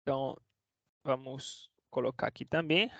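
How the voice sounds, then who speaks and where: A man's voice: medium pitch, normal speed, gravelly, a bit bright, no room sound. A man teaching a casual online lesson, chatty, checking in with the class every few words. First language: Portuguese. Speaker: Spanish teacher. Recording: dry, dull lo-fi sound.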